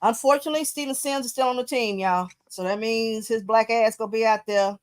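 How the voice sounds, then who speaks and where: A woman with a Texan accent talks sports on a podcast in a fairly high voice. She is blunt and emphatic and swears freely as she picks apart the play calling. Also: fairly quick. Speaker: podcast co-host. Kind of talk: casual sports talk.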